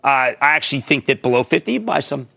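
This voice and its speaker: A middle-aged man hosting a stock market call-in show, talking emphatically with sudden loud bursts and low asides. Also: animated, quick pace, creaky. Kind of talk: energetic market commentary and call-in.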